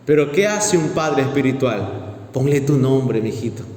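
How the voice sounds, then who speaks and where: A man preaching a sermon to his church, lively and acting out the voices he quotes. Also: medium pitch, measured pace, slight background noise. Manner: animated, acts out quoted voices, talks to the congregation. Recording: echoey hall, faint ambience.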